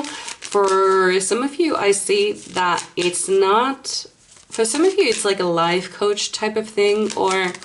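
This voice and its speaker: A woman's voice: mid-range voice, slight background noise. A woman from Finland with a Finnish accent, a native Finnish speaker, giving a casual tarot card reading in a hesitant, apologetic way as she searches for words. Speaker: tarot reader.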